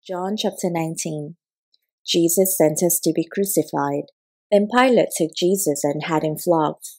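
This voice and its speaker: A woman narrating a scripture audiobook in an even, measured reading. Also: fairly low pitch, slightly rough.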